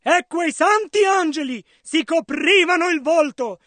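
High-voiced man interpreting a sermon. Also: animated, a little slow, a bit bright. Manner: echoes the preacher's dramatic delivery.

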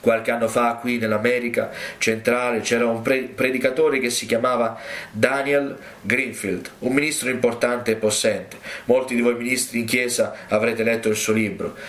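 A man's voice: medium pitch, fairly even intonation, moderate pace, fairly bright tone. A male preacher delivering a fervent, exhorting sermon to his congregation. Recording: roomy echo.

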